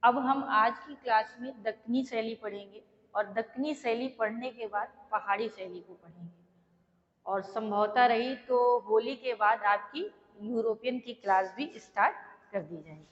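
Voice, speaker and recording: A woman teacher giving a slow, repetitive exam-prep lecture, pausing often to check that her students are following. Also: a little high, sharp tone, long reverb tail, highs cut off.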